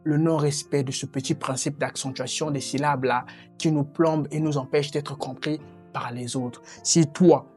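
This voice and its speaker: Woman, very low voice, English teacher, direct and encouraging, faint music under. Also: fairly even intonation, normal speed, darkish tone. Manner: direct, encouraging, addresses viewer as tu. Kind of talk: online English lesson.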